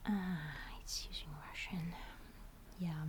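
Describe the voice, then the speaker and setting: A woman's voice: lowish voice, fairly even intonation, slow, noisy background. A woman whispering through an ASMR show-and-tell of a camera, hesitant and often searching for the right word. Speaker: ASMR host.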